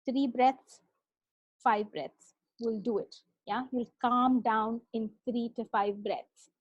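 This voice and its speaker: A woman working as a parenting coach, giving a conversational talk on calming down, and she often asks "right?" as she goes. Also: fairly high pitch, dry recording, dull audio. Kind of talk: talk on self-regulation.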